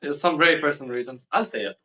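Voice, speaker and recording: A young man born and raised in the UAE, Palestinian, speaking casually as a guest over a video call, slangy and quick in bursts. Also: fairly high pitch, bright, forceful tone, highs cut off.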